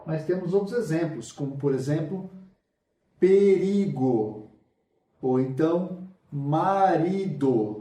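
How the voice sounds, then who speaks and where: A man's voice: fairly high pitch, a little slow, mellow, far from the mic. A man with a Brazilian accent teaching a literacy lesson, patiently sounding out syllables one by one. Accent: Brazilian Portuguese. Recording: echoey room, voice off-mic.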